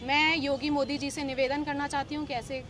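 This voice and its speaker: A woman's voice: sits high, flat delivery, a little fast. A woman in her thirties, a local politician, speaking emphatically and accusingly to reporters outdoors on a city street. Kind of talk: street press interview.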